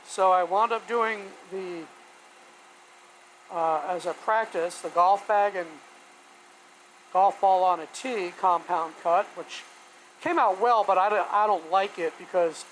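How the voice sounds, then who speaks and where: With a shop vacuum droning steadily in the background, a hobby woodworker live-streams from a home workshop, working while musing aloud in a casual, folksy, rambling way. The voice has a medium pitch, and the recording quality is low.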